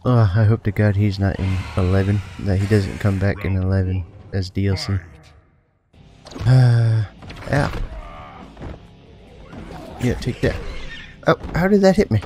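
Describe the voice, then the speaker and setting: A man's voice: deep voice, steady tone, unhurried, pauses often. A man giving casual commentary on his own fighting game play, joking, swearing and taunting the characters on screen. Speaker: let's play host. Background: faint game music.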